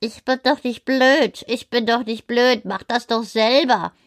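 A woman's voice: a little high, fairly even intonation, unhurried, lightly acted. A woman voicing a stubborn little girl gnome who snaps back defiantly. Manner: defiant, repetitive retort.

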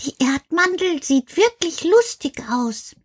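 A woman voicing Karl, a calm, patient male helper who gently corrects and soothes. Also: very high voice, takes it slowly, exaggerated voice.

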